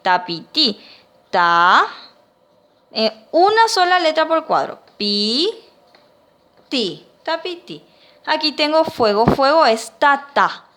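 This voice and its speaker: A woman's voice: high voice, sing-song, unhurried, a bit bright. A woman teacher with a Paraguayan Spanish accent, patiently dictating words and sounding them out syllable by syllable in a classroom lesson.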